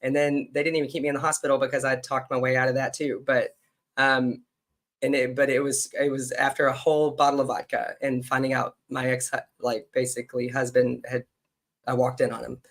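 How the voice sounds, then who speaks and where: A man's voice: medium pitch, flat delivery, a little fast, fairly bright tone. A man hosting a casual podcast conversation, chatty, blunt and teasing with his guest. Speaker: podcast host.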